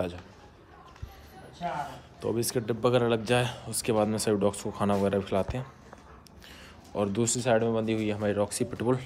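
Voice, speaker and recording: A man's voice: on the low side, darkish tone, a little hiss or hum. A man chatting casually through a vlog walkthrough of an outdoor yard where he cares for dogs, often calling out to them. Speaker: dog shelter caretaker. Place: outdoor yard at a home under construction.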